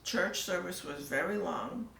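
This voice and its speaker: Older woman, creaky voice, soft-spoken, echoey room, distant mic. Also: on the low side, unhurried, a little hiss or hum. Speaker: church newcomer telling her story. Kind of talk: casual storytelling interview.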